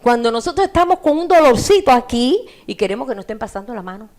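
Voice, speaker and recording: A woman's voice: a little high, sing-song, fast talker, a little mellow. A woman preacher delivering an impassioned sermon, often addressing her listeners directly as brother.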